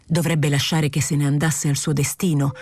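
A woman reading the part of a calm, frank middle-aged male doctor who speaks in a probing, gently lecturing way, in an audiobook. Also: sits low, normal speed, lightly acted. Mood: earnest.

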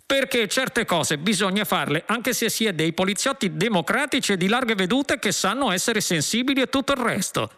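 A man voicing a loud, touchy male space policeman who calls out over a loudspeaker in a storybook reading. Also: sits high, expressive, normal speed, hardly any pauses, pitched above the performer's own voice. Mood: threatening.

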